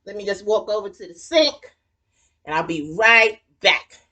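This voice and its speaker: A woman's voice: mid-range voice, measured pace, pushed and bright. Chatty Southern woman in her sixties. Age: 60s. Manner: chatty and folksy, calls viewers honey and child. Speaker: cooking show host. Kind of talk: casual cooking demonstration. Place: home kitchen.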